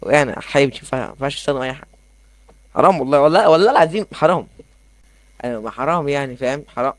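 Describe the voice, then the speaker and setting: A young man with an Egyptian accent giving excitable, rambling commentary as he plays a game in his bedroom. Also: medium pitch, no room sound. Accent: Egyptian Arabic. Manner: excitable, rambling, quick asides. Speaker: gaming YouTuber. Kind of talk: casual gameplay commentary.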